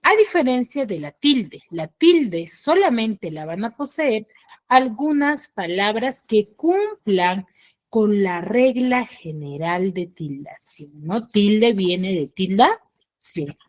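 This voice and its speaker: A woman's voice: medium pitch, very animated, takes it slowly. Woman teacher peppering her lecture with "¿ya?". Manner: explains step by step, checks in with frequent "¿ya?"; rising emphatic questions answered by herself. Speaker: school teacher. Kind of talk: online class lecture.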